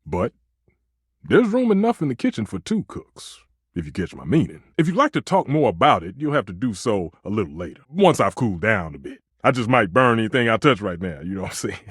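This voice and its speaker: A male actor playing a passionate, dramatic, flirtatious living stove who works as a chef, with a theatrical, expressive delivery in a dating video game. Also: mid-range voice, husky, no room sound, studio quality. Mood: smouldering, romantic. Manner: theatrical, expressive, swinging between exclaiming and murmuring. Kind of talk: voiced dating video game character lines.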